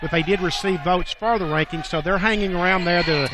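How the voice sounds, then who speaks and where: Fast-talking play-by-play man. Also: high voice, crowd noise, noisy background. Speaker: play-by-play broadcaster. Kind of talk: sports commentary. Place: courtside in a gym.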